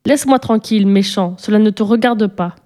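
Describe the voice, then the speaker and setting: A woman's voice: medium pitch, brisk, mellow, natural voice. A woman voicing an impatient, quarrelsome little girl who talks back indignantly. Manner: pouty, indignant.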